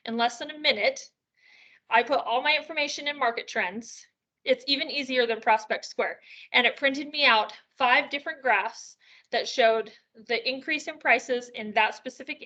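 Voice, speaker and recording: An upbeat woman addresses a room of agents with a high, bright voice, firing off rhetorical questions in an easy, chatty way. She sounds slightly out of breath. The recording is dull and lo-fi. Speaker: real estate sales meeting presenter. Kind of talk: presenting at a sales meeting.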